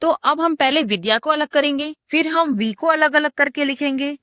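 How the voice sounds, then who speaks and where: A woman's voice: high-pitched, moderate pace, fairly bright tone, no echo, studio quality. A woman teaching a Sanskrit lesson, patiently asking a question and then answering it herself. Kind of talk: classroom lesson explanation.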